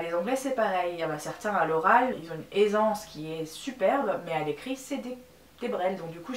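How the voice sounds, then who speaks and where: A woman's voice: fairly low pitch, far from the mic. A French woman in her twenties chatting candidly in a casual vlog, with many fillers and restarts. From France. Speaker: YouTuber. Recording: roomy echo, voice a bit off-mic, faint background noise.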